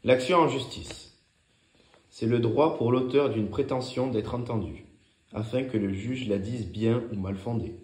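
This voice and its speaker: A man's voice: mid-range voice, measured pace, darkish tone. A man reading scripted study notes aloud as a lesson, in a clipped, didactic, item-by-item delivery. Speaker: narrator of a law revision lesson. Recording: echoey, roomy sound.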